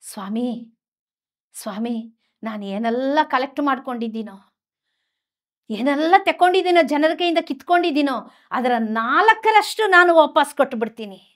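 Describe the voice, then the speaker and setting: A woman's voice: high voice, animated, normal speed, long pauses, fairly bright tone. A woman playing a humbled man pleading.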